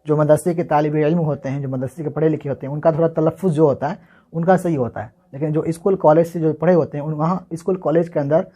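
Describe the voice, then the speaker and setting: A man's voice: on the high side, steady tone, mellow. A man with a slightly raised voice gives a casual writing lesson. He spells words out letter by letter, says them again and again, and asks and answers his own questions as he teaches. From Bihar, India. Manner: repeats words slowly, asks and answers himself. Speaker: Urdu handwriting teacher.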